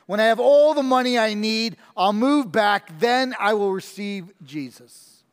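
A man's voice: high-pitched, a little slow, smooth, in a large hall. A man preaching a sermon and voicing a stubborn, ambitious young man who dismissively insists on his own plans.

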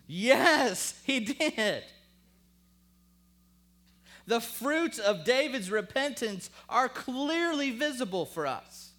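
A man preaching a sermon, emphatic and rhetorical, calling on the congregation, then lowering to a hushed voice when reading scripture. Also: very animated, drawn-out words, long pauses. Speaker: pastor.

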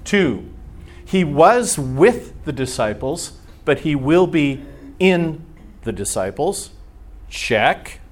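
A man's voice: fairly high pitch, very animated, slow pace. A man with an American accent gives an informal teaching talk to a church group, conversationally asking rhetorical questions and acting out imagined reactions. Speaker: Bible class teacher.

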